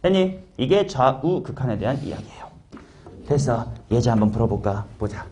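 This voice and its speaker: A man's voice: mid-range voice, big pitch swings, normal speed, mellow, a little hiss or hum. A man teaching a math class, talking casually and quizzing students by name. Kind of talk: classroom lecture.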